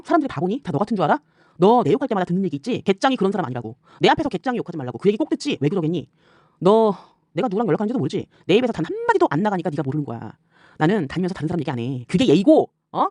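A woman scolding and swearing at her rivals in an angry rant, firing off rhetorical questions and tagging lines with a sharp "eh?". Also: medium pitch, no echo, studio quality. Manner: repeatedly tags lines with a sharp "eh?". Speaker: YouTuber addressing rivals.

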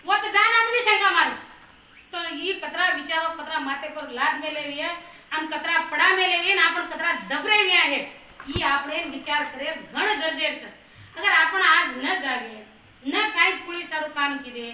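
A woman's voice: sits high, a little slow, pushed and bright, heavy reverb, distant mic. A woman giving an earnest, exhorting talk to her community, often asking questions of her listeners. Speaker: community speaker. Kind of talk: impassioned monologue on custom.

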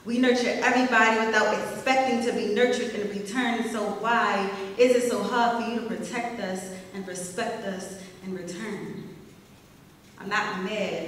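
Young woman, spoken word poet, bright high voice, echoey hall from a distance. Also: steady tone, moderate pace, a little hiss or hum. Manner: rhythmic, emphatic, confrontational delivery with rising punch lines. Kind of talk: spoken word poetry performance. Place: small arts center stage, indoors. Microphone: stand mic, filmed from the audience.

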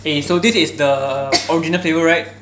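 A woman's voice: low voice, fairly even intonation, fast, reverberant, noisy background. A woman, co-hosting a food channel in playful, slangy casual chat. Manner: playful, teasing, drops in slang.

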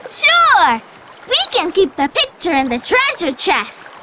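A young actress voicing a cheerful girl explorer in a children's game, coaxing the player along in an upbeat way, with loud game music behind. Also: very high-pitched, wildly swooping pitch, slow, heavy background noise, full character voice.

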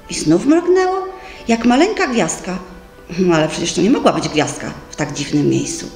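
A woman reading a children's story aloud, her voice rising and falling with lively color. The sound is roomy, with faint music underneath. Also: medium pitch. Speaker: audiobook narrator. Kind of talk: scripted storybook narration. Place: library recording room.

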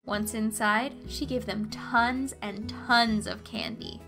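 A woman narrating a children's fairy tale expressively, slowing down for emphasis. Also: a little high, steady tone, over music.

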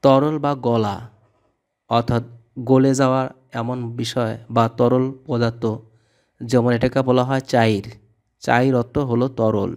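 A man teaching vocabulary, reading each word and its meaning and repeating it in a steady drill. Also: medium pitch, unhurried, pauses often, clean tone. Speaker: language tutor. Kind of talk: scripted vocabulary lesson.

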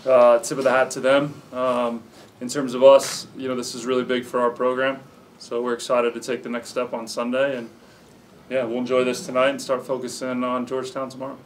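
A man in his thirties, a head coach, answering press questions in a measured way with many fillers and restarts, in an indoor press room. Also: mid-range voice, level tone, distant mic, slight background noise, rough recording. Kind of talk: postgame press conference answers.

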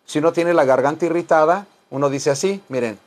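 In a small wood-paneled room, a middle-aged man with a slightly high voice runs a casual bilingual English lesson in Spanish and English at a fairly quick pace. This English teacher and self-styled chaplain repeats phrases and dictates each one word by word.

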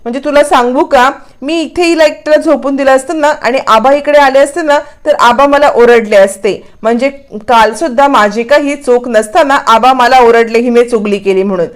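A woman's voice: high-pitched, moderate pace, hardly any pauses, natural voice. A woman voicing a young married man who pleads and complains to his mother, in a spoken retelling of a TV serial. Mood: pleading.

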